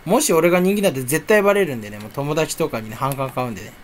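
A man's voice: on the high side, racing, slight background noise. A young man chatting casually to camera at his computer at home, rambling and talking to himself in a jumpy, self-mocking way. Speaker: video creator. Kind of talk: casual solo chat while browsing online. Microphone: desk or headset mic, face on camera.

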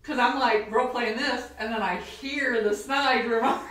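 A woman's voice: a little high, steady tone, normal speed, fairly bright tone. A woman who runs tabletop games, chatting casually at a tea table and laughing often as she tells stories. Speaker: game master and show host. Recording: very echoey room, mic far off.

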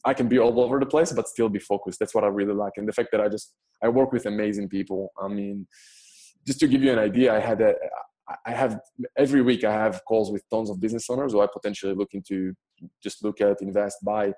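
In casual podcast answers, an Israeli business investor in his thirties, not a native English speaker, talks in a low, warm, rounded voice with fairly even intonation. The pace is relaxed and conversational, though he frequently breaks off, restarts and stammers repeated words, his phrasing clearly non-native.

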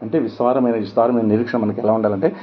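A man's voice: fairly low pitch, fairly even intonation, rapid-fire. A middle-aged male pastor preaching a sermon with emphatic rhetorical questions. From India. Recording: dull lo-fi sound with faint noise.

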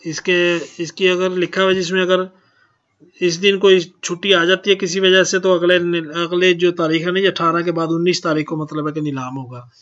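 A man's voice: sits high, little pitch movement, brisk, fairly bright tone, lo-fi sound. A man hosting his own channel, plainly reading out auction notices and tacking a polite "ji" onto most sentences. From Pakistan. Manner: plain, repeats "ji" often. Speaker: channel host.

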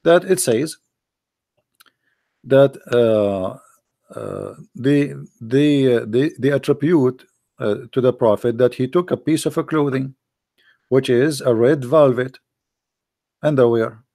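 A man from the Middle East, hoarse and losing his voice, insistently pressing rhetorical questions as host of an online debate. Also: medium pitch, slow pace, pauses often, dark tone, dry recording.

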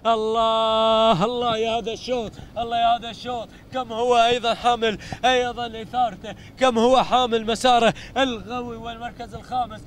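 A man with an Emirati accent giving live race commentary, excited and repeating phrases in rapid chanting bursts. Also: very high voice.

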